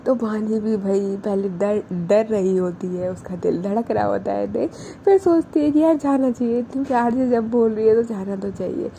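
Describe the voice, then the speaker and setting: Chatty young woman storyteller, mellow tone. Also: mid-range voice, moderate pace, creaky, a little hiss or hum. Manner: chatty, mixes in English fillers. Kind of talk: casual spoken storytelling.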